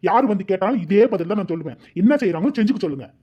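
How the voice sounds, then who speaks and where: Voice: mid-range voice, lively intonation, very fast, close to an everyday voice. A performer voicing a defiant young man in a cartoon, arguing back at his aunt. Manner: protesting, argumentative. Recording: dull lo-fi audio with faint music.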